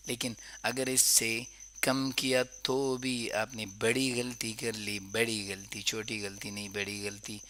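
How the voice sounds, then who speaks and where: Male recitation teacher, bright voice, unhurried, chants verses slowly then explains, faint crickets behind. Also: fairly low pitch, flat delivery, slight background noise. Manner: slow drawn-out recitation between quick explanations; corrective, repeating wrong and right forms. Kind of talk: tajweed lesson.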